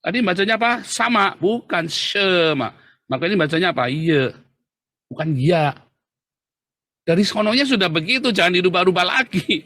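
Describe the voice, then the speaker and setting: A man's voice: high-pitched, animated, fast talker, few pauses, sharp tone, no room sound. Emphatic preacher man, dry sound. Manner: emphatic, rhetorical questions to listeners. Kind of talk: teaching sermon.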